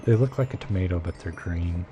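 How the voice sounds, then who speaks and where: A deep-voiced man speaks briskly over background noise as he live-streams a game. He rambles through casual conversation with his viewers, thinking aloud and dropping in lots of fillers.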